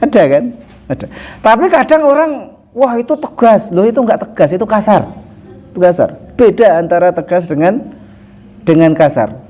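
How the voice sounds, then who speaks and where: A high-voiced Islamic teacher gives a sermon in a relaxed, conversational style. He poses rhetorical questions, chuckles often, and recites Arabic lines slowly.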